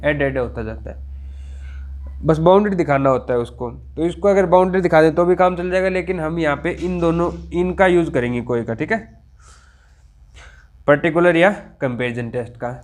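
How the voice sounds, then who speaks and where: A man teaching a college math lecture, dictating slowly and checking in with his students often. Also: on the high side. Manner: slow, drawn-out dictation with frequent check-ins.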